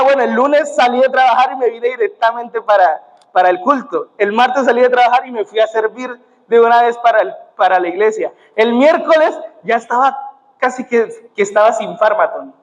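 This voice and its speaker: High-voiced Colombian young man preaching. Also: moderate pace. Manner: punctuates with "amén" and "gloria a Dios". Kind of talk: sermon. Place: church sanctuary. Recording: dull muffled sound in a reverberant church.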